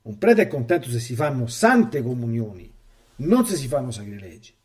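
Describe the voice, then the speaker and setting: A man's voice: medium pitch, big pitch swings, normal speed, darkish tone, distant mic. A man who is a priest, reading a testimony aloud and commenting on it in an emphatic catechesis sermon, often stammering and repeating words when he speaks freely.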